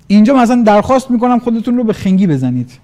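A man giving an animated motivational business talk, acting out little dialogues in different voices. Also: sits high. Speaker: business trainer.

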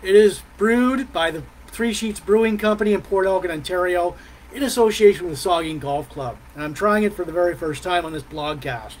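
A middle-aged man, chatting casually as a live vlog host in a halting, meandering way. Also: high voice, slight background noise, low-quality recording. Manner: halting, meandering delivery with pauses and mm sounds. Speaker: host of a live music and beer review vlog. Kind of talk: casual rambling live chat. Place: small decorated room at home, indoors.

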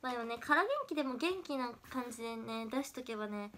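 High-voiced, chatty young woman livestreaming. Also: lively intonation, fast talker, fairly bright tone. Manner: forced high energy, chatty. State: stuffy with a runny nose. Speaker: idol livestreamer. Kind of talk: casual livestream chat while crafting.

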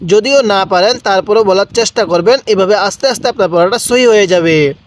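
A man with a Bangladeshi Bengali accent teaches Quran reading step by step, spelling out the letters and then stretching each word slowly so students can repeat. His voice sits high, and there is a little hiss or hum in the audio.

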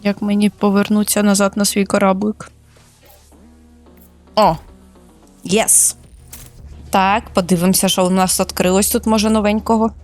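A woman streamer chatting casually while playing a shooter for the first time, excitable, squealing and laughing at surprises. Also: medium pitch, moderate pace, long pauses, soft background music. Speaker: gaming streamer. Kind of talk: casual let's-play commentary.

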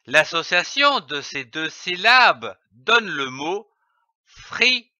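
A man teaching children to read, spelling out letters and syllables slowly and stressing each sound, on a dull, lo-fi recording. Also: high voice, big pitch swings, bright, forceful tone, dry recording. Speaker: reading teacher. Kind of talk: slow, carefully enunciated reading lesson.

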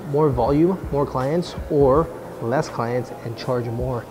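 A business owner in his forties answers viewer questions in a casual Q&A, sounding blunt and conversational and often restarting his sentences. His mid-range voice moves slowly. Captured on a camera mic in an indoor mall or coffee shop atrium, with background music playing under him.

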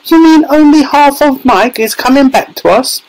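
A shrill, high-pitched mother, acted out by a man, wails her way through a storybook. She is anxious, indignant and thoroughly melodramatic. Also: moderate pace, a little mellow, low-quality recording. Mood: panicked. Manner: wailing, melodramatic.

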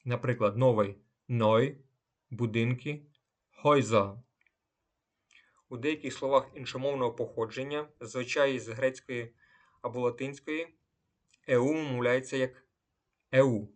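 A man teaching pronunciation rules, talking slowly and deliberately, with a pause after each word and example. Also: mid-range voice, steady tone. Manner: slow and deliberate, pausing between words and examples. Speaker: language teacher. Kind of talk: instructional explanation of German pronunciation rules.

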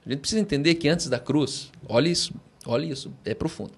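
A man's voice: a little high, fast, slightly rough. A man with a Brazilian Portuguese accent, a pastor and podcast guest, explaining his views with emphatic rhetorical questions. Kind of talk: conversational preaching.

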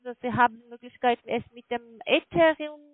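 This woman telemarketer is selling online trading in German with a foreign accent, as it isn't her first language. She presses on haltingly, often seeking agreement. The recording is dry, over a muffled line with wavering mic volume.

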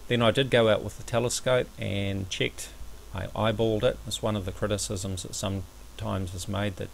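A man giving a measured, somewhat hesitant step-by-step explanatory commentary over a screen recording, as an amateur astronomy presenter. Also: lowish voice, fairly even intonation, vocal fry, a little hiss or hum, poor audio.

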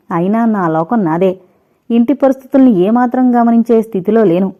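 A woman narrating a first-person audio novel in a measured, reflective storytelling manner, recorded on slightly dull, lo-fi audio. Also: medium pitch, warm tone.

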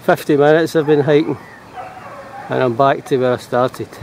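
A middle-aged Scottish man vlogs casually while hiking outdoors, chatting and rambling to a handheld camera held at arm's length as he walks along roadsides and forest paths. His mid-range voice has fairly even intonation and a moderate pace. The recording is rough, with loud wind and passing traffic.

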